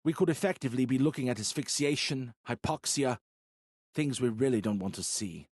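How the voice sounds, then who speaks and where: A male narrator voices a calm, earnest leader who lays out the risks steadily and patiently, with light acting. The pitch is mid-range, slightly above the narrator's natural voice, and the pace is brisk. The recording is close and dry, with no echo.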